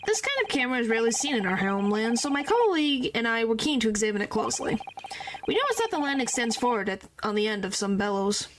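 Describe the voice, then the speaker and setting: A woman's voice: a little high, very animated, fast, background noise. A woman playing an earnest young male lawyer. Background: game music.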